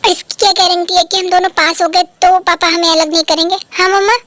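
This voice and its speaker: A woman's voice: very high-pitched, level tone, quick pace, fairly bright tone, no echo, clean studio sound. A woman voicing a rebellious teenage son who refuses his father's orders in a fan dub. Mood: defiant. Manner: defiant, upset.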